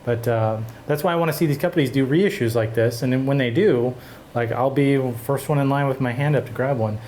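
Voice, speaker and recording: A man hosting a casual chat about synthesizers, relaxed and rambling with fillers and restarts. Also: medium pitch, fairly quick, slight background noise. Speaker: host of a synthesizer show.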